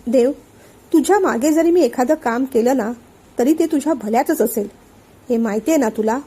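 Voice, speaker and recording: A woman voicing a calm older man who patiently explains and soothes his friend. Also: high-pitched, moderate pace, husky. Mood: calm, persuasive. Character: calm older male friend and family elder.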